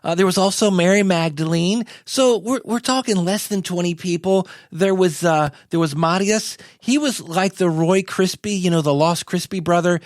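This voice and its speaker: In this casual comedy interview, a male performer voices an easygoing modern messiah, speaking in a notably high register with the hesitant, homespun patter of a small-time salesman. He keeps a normal speed with few pauses and a natural voice, sounding matter-of-fact. The audio is very dry.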